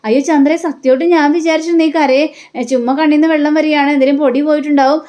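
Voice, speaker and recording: A woman's voice: sits high, steady tone, fast, dark tone, lightly acted. A woman voicing an older father who teases his crying wife with mock concern. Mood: teasing. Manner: teasing, exclaiming. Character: older father, teasing and blunt.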